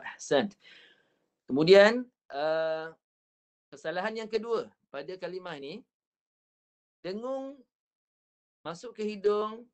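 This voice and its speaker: Malaysian Malay male recitation teacher, fairly high voice, slow and repetitive, models each sound. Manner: patient, repeats points, drawn-out recited syllables. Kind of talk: online Quran recitation class.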